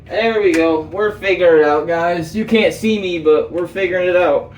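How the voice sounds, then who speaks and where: A young man chats loosely and swears often while he talks through a story. His voice sits a bit high for a man. He is recorded in an echoey indoor room, some distance from the mic. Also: moderate pace, slight background noise. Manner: casual, heavy swearing, lots of fillers. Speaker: vlogger. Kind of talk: casual storytelling. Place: indoor room while doing manual work.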